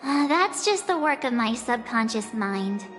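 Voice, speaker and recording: A woman's voice: on the high side, big pitch swings, measured pace. A woman voicing a perky, chatty and slightly sheepish young woman traveller in a video game. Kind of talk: English video game voice acting. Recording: long reverb, music behind.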